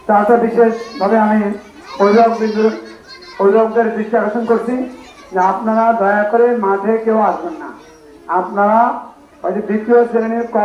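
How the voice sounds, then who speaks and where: A man's voice: high-pitched, darkish tone. A man addressing parents at a school event, making polite, repetitive requests. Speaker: event organizer. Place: outdoor school event ground. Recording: roomy, dull sound with faint crowd.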